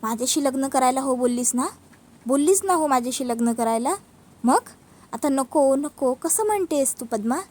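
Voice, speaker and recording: A pushy young man who keeps taunting a frightened girl, repeating his claims, as a woman narrator puts him on. The voice sits high. He sounds insistent and menacing in a retold serial scene. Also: moderate pace, a little mellow.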